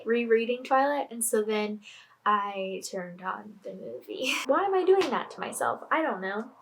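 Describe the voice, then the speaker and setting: A woman's voice: fairly high pitch, rough recording. A woman in a casual vlog chatting about what she is reading, rambling with lots of fillers. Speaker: book vlogger. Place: at home on a lunch break.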